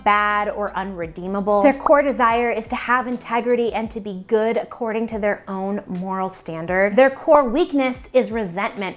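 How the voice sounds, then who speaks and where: An upbeat young woman talks straight to her viewers in a casual explainer. Her voice sits a little high, and she leans hard on key words and repeats them playfully. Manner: upbeat, emphatic, playfully repetitive. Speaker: YouTube host.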